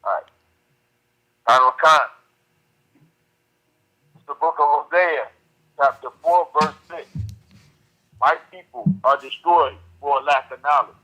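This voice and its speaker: A man reading Bible verses aloud over a fuzzy, distorted speakerphone line, in brief, measured phrases. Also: a little high, pushed and bright. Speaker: caller reading scripture.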